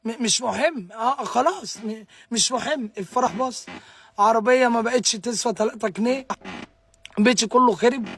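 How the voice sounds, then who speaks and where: A man's voice: very high voice, moderate pace, fairly bright tone, a little hiss or hum. A distraught young man with an Egyptian accent, ranting live to viewers, stammering and repeating himself as he answers their comments. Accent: Egyptian Arabic. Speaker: livestreamer.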